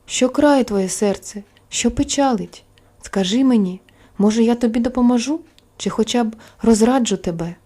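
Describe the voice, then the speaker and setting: A woman voicing a loving young man who speaks slowly, tenderly and reassuringly in an audio fairy tale. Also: on the high side, warm tone, lightly acted.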